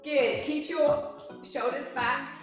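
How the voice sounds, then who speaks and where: A woman's voice: high voice, fairly even intonation, slow pace. A young British woman leading an online cooking and workout class, coaching with upbeat encouragement and counting down the reps. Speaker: fitness and cooking instructor. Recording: very echoey room with music.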